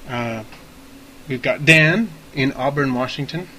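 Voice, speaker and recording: Guy podcast host, average pitch, casual but kinda precise wording, slight background noise. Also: a little slow, bright, forceful tone, rough recording. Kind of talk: casual explanatory chat.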